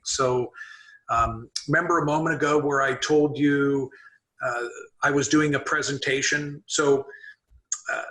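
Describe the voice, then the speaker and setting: Bright-voiced middle-aged business consultant. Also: male voice, mid-range voice, low-quality recording. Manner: relaxed, many fillers and restarts. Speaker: business consultant, webinar host. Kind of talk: casual webinar conversation.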